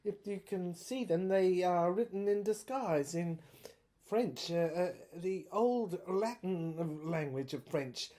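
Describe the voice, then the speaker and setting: A dark-toned woman's voice on the low side carries this audio drama monologue of an obsessive, haunted inventor shut away by soldiers. The speech is halting, rambling and theatrical, full of repeated words, with a rambling, wistful mood.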